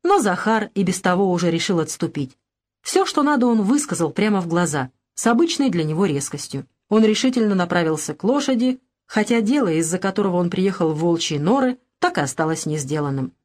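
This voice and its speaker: Steady woman reading a novel aloud. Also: fairly low pitch, fairly quick. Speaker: audiobook narrator. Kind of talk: scripted narration.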